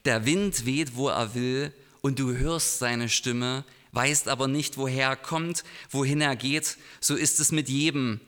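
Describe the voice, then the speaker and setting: A man voicing a calm male religious teacher who speaks solemnly and emphatically, read out in a sermon. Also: medium pitch, measured pace, hardly any pauses, clear, resonant tone, close to an everyday voice. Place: church. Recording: long hall reverb in a church.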